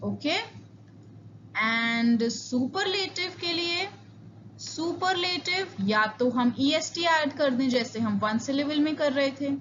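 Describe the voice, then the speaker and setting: Slow-spoken woman teaching grammar. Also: high voice, fairly bright tone, lo-fi sound, slight background noise. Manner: mixes Hindi and English, slow and deliberate, spells out letters. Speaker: English teacher. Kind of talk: grammar lecture.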